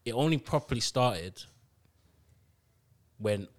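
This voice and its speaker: A man's voice: mid-range voice, expressive, slow. Young man with a London roadman accent. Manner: heavy street slang, repeats himself. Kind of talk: casual group chat, reminiscing.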